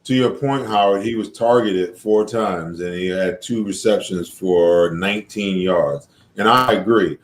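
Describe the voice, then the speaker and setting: A man's voice: sits low, a little slow, few pauses, echoey room, a little hiss or hum. A man hosting a sports talk show, breaking down football plays in an emphatic way that builds to frustration. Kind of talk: casual sports analysis chat.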